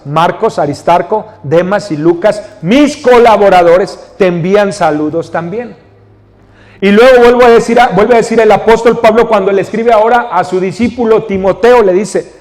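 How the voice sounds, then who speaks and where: High-voiced Mexican pastor in a reverberant hall. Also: male voice. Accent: Mexican Spanish. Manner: teaching, reads scripture then explains, asks the congregation questions. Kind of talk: sermon. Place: church hall.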